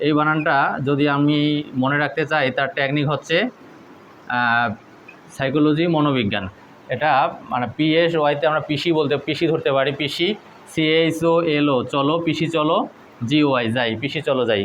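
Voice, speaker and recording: A man teaching English spelling tricks, spelling words out letter by letter in a slow, deliberate way. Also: a little high, slight background noise, rough recording. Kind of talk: spelling lesson.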